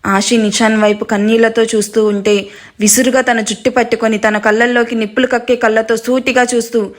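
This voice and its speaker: Brief: woman storyteller, scripted dramatic narration, voice pitched high. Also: a little fast. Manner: steady dramatic reading, playful asides.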